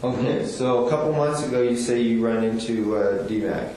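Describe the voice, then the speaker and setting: A man questioning a suspect as a police detective, calm and methodical. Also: mid-range voice, moderate pace, a little hiss or hum. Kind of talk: recorded police interrogation. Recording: echoey room on a distant recorder.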